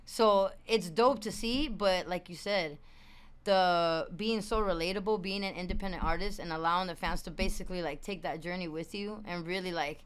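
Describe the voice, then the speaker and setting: A young adult woman, the guest musician, chatting casually in an interview, full of slang and shout-outs. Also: fairly low pitch, moderate pace, clear, resonant tone.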